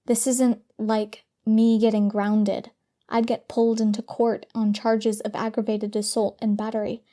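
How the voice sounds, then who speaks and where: A woman's voice: a little high, level tone, unhurried, warm tone, lightly acted. A woman voicing a sarcastic, stern teenage girl healer who lectures her sister.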